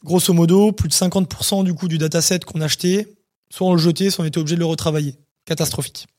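A man's voice: fairly high pitch, steady tone, fast talker, a little mellow. A man, a startup CEO, explaining his company in a casual interview, talking with many fillers.

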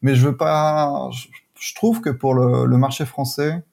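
A man being interviewed as a guest, explaining calmly with hesitations. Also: medium pitch, a little slow, vocal fry. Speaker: wedding photographer guest. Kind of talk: casual interview chat.

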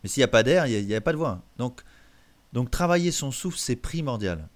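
A man of middle pitch talks as a voice coach in a relaxed interview. His delivery is animated and hands-on, with frequent restarts as he explains how the voice works. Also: fast.

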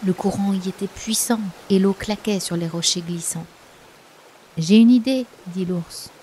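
Mellow-voiced woman reading a children's story. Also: fairly low pitch, moderate pace, slight background noise. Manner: gentle, expressive reading. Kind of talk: scripted children's story narration.

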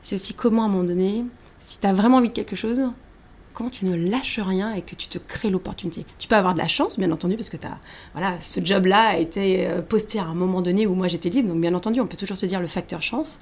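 A woman in her thirties, a guest telling her career story in a casual interview, animated, with many fillers and restarts. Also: medium pitch, fast talker.

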